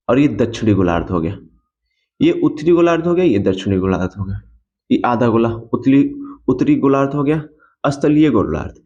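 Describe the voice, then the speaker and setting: A man's voice: mid-range voice, darkish tone. A man teaching an exam coaching lecture, who repeats key points and asks and answers his own questions. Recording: dull lo-fi sound.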